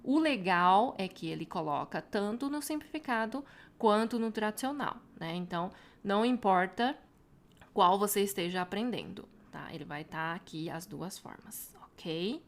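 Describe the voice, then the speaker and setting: A woman with a Brazilian Portuguese accent, a Mandarin teacher walking viewers through a website in a chatty tutorial, tagging her sentences with quick questions. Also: mid-range voice, expressive. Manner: chatty, frequent tag questions. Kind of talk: casual screen-share tutorial.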